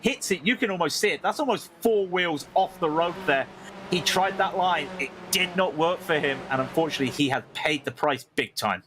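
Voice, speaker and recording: A man's voice: on the high side, normal speed, noisy background. A man working as a motorsport co-commentator, analysing a sim race live in short, conversational phrases.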